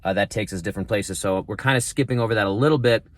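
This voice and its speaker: A male physical therapist with a lowish voice talks rapid-fire and casually to the camera from his garage. He explains an assessment in a chatty, rambling way, and the room gives off a noticeable echo.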